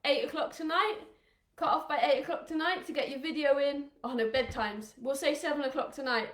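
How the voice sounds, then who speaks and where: An encouraging, upbeat woman from England leads little children through rugby games over a live stream, calling out countdowns. Her voice sits high and bright, and the room around her rings with echo. Now and then she is a little out of breath. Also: a little fast. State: out of breath at times. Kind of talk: live online kids' exercise session.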